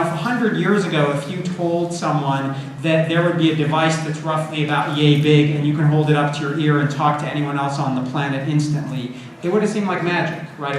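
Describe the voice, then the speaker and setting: A middle-aged man giving an informal, conversational public lecture as a university teacher, often checking in with "right?" and "you know.". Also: fairly high pitch. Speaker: university computer science lecturer. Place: indoor lecture room with an audience. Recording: echoey room, audible background noise.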